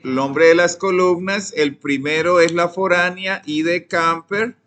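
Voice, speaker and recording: A young man with a Colombian accent, teaching a programming class, dictating code and quizzing his students, often trailing off softly. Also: sits high, fairly even intonation, a little slow. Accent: Colombian Spanish. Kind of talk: live coding lesson.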